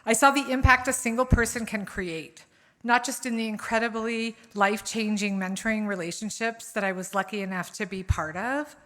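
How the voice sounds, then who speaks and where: Bright-voiced woman giving a gala speech. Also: mid-range voice. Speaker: award presenter. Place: banquet room. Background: audience.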